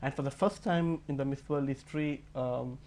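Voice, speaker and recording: A man's voice: mid-range voice, steady tone, moderate pace, darkish tone, slight background noise. A man with a Sri Lankan accent answering interview questions earnestly and emphatically, posing rhetorical questions. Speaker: interview guest, fashion and pageant industry figure.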